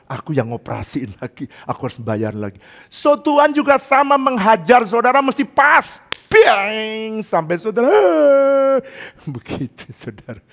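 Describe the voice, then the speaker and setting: An older man preaching a sermon as pastor, laughing often and swinging between loud outbursts and hushed, low passages. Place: church, online service.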